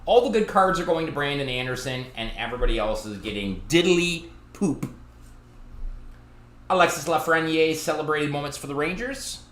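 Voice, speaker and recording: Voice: mid-range voice, expressive, moderate pace, a bit bright. A card break host, chatting through a live box break and teasing viewers by name from a card shop. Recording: roomy echo.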